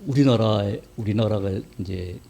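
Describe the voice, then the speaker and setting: A man's voice: on the low side, moderate pace, creaky, warm tone. A man, a church elder, preaching a sermon in a conversational way and putting questions to the congregation. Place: church sanctuary.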